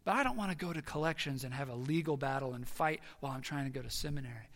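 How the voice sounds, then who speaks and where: A man in his thirties preaching a sermon as a pastor, telling a personal story earnestly and swinging from hushed, quiet passages to loud, emphatic ones. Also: mid-range voice, animated, quick pace. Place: church sanctuary. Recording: long reverb of a large hall.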